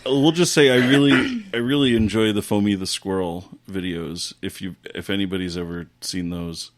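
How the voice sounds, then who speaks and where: A man's voice: low voice, moderate pace. A man co-hosting a casual podcast chat. He is wry and self-deprecating, and he often stammers and restarts his phrases. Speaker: podcast co-host.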